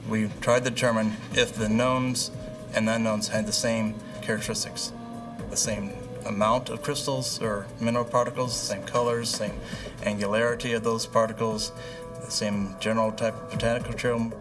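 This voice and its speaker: A man's voice: fairly low pitch, level tone, normal speed, recorded from a distance, music in the background. A man, a geologist, explaining technical findings methodically in an interview.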